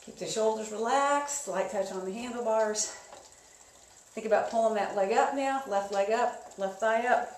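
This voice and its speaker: A woman's voice: a little high, moderate pace. A woman leading an indoor cycling class, giving encouraging coaching cues and guided instruction. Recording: echoey room with faint noise.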